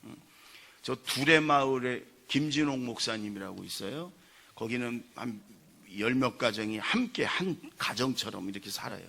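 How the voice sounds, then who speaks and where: Gravelly, bright-voiced Korean pastor preaching. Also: male voice, mid-range voice, expressive, moderate pace. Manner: storytelling with acted quotes, rising to loud emphasis. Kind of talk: sermon. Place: church sanctuary.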